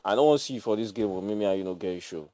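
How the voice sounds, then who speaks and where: A young Nigerian gaming streamer talks fast in a lowish voice, cracking jokes and dropping pidgin slang as he plays live. His loose, animated commentary is captured in a dry recording.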